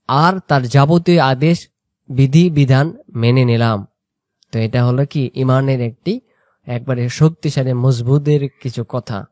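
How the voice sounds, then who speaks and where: Slow-reciting Bangladeshi Bengali man teacher. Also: medium pitch, darkish tone, no room sound, clean studio sound. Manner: recites phrases slowly, then explains quickly; stretches recited syllables. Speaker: religious teacher.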